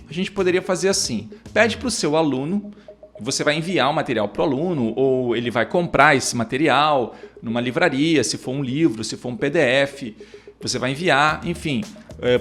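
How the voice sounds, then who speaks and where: A man's voice: medium pitch, a bit bright. A man teaching English, who explains lesson steps in a casual, talkative way full of fillers and restarts. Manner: talkative, many fillers and restarts, acts out teacher-student dialogues.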